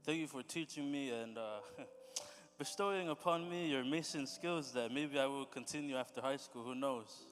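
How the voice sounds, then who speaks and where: A young man giving a graduation tribute, tearful and halting, often clearing his throat as he speaks. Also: medium pitch, a bit bright. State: tearful, choking up. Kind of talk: emotional spoken tribute at a ceremony. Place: large church sanctuary. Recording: reverberant hall with faint music.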